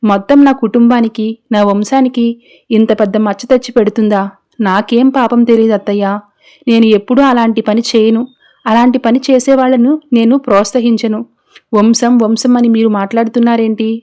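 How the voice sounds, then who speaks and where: A young daughter-in-law protesting her innocence, indignant and pleading, as a woman narrator puts her on. Her voice is warm and a little high. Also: steady tone, brisk, natural voice.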